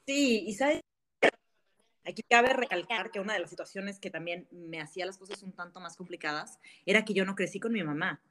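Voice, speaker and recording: A woman is a guest in a casual interview. She tells her stories candidly and in an animated way. She laughs often while she talks. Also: mid-range voice, a little fast.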